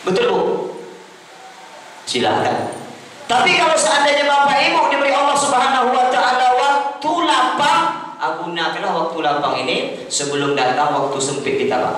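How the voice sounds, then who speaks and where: A man preaching to a congregation, jumping between loud high calls and low muttered asides and often asking the listeners to agree. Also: lively intonation, normal speed, a little hiss or hum. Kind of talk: sermon. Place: prayer hall. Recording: echoey hall, mic far off.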